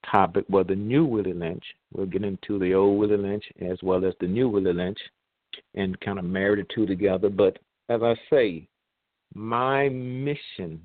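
A man hosting an online radio talk show, heard over a phone line, speaking in a measured way with pauses and fillers. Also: on the low side, no echo. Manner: measured, pausing, with many fillers. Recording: tinny, dry phone line.

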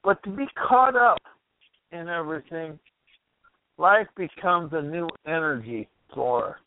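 Animated yet unhurried, a man with a fairly high voice runs a motivational call-in radio program. He rambles on and keeps asking the listener questions even as his voice fades. The audio is tinny, like a phone line.

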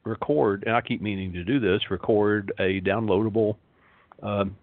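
Male host, low soothing hypnotist voice, slow and resonant, rambling monologue over a thin phone-like line. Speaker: show host. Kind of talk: rambling talk show monologue. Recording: phone-like internet radio line, roomy echo.

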